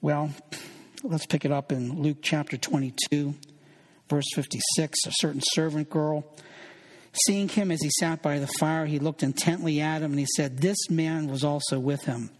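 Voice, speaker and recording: A man's voice: a little high, steady tone, moderate pace, in a large hall. A man preaching an earnest sermon as pastor, reading scripture aloud and quoting its figures in his own voice.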